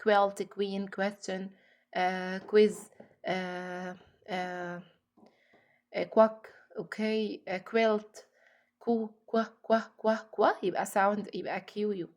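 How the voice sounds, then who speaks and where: A woman with an Egyptian Arabic accent teaching a children's phonics lesson. She repeats letter sounds slowly and drawn out, and mixes English words into her Arabic. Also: mid-range voice, level tone, a little mellow.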